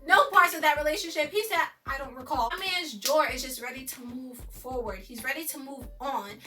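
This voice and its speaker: Bright high-voiced woman gushing over a TV episode. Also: normal speed, distant mic. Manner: excited, chatty, slangy, addresses viewers as y'all. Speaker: TV episode recapper. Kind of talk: casual recap and review.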